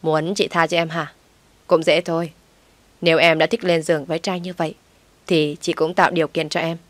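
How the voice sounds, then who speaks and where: A woman's voice: low voice, flat delivery, a little fast, no echo, lightly acted. A woman playing a domineering vengeful wife. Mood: cruelly mocking. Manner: domineering, shouting orders. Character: furious vengeful wealthy wife, middle-aged woman.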